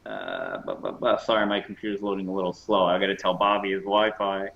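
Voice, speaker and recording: A man's voice: low voice, lively intonation, fairly quick, vocal fry, a bit bright, highs cut off. Stumbling casual male podcast co-host. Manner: stumbling, self-correcting reader. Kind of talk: casual podcast chat reading news.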